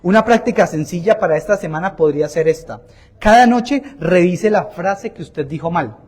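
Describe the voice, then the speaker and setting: Priest w a high voice, preaching emphatic, repeats stuff, throws questions at the pews. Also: male voice, animated, normal speed, darkish tone. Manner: emphatic, repeats phrases, asks the congregation direct questions, jokes about himself. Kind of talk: Sunday sermon. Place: church.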